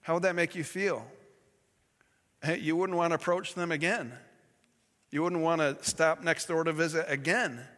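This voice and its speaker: A man's voice: a little high, steady tone, moderate pace, pauses often, fairly bright tone. Preaching man in a reverberant hall. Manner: storytelling preacher with fillers and self-corrections. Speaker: pastor. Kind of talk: sermon.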